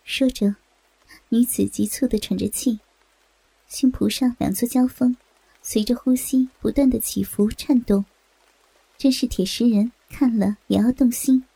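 A woman reads a story in a steady, even voice. Her tone is very dark and mellow, slightly higher in pitch, with a husky, breathy grain. Faint music plays in the background. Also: measured pace, no echo, rough recording. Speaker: narrator. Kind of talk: scripted story narration.

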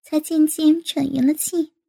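A woman narrating an adult audio story in an unhurried, even reading style. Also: high-pitched, vocal fry.

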